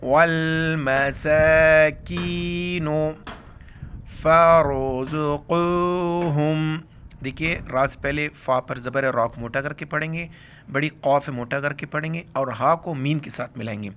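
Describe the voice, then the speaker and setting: A man teaching Quran recitation rules, explaining letter by letter and then reciting words slowly and drawn out. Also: medium pitch, fairly bright tone, highs cut off, slight background noise.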